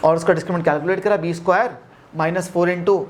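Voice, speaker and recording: A man's voice: sits high, steady tone, fast talker, slight background noise. A male math teacher giving a classroom lecture, constantly asking his students questions and mixing Hindi with English.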